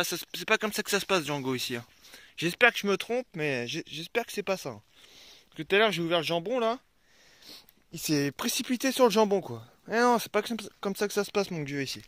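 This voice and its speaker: A young man with a high-pitched, bright, forceful voice, captured in a dry recording, vlogs casually by a river. He's talkative, addresses his dogs as well as his viewers, and curses every so often when annoyed.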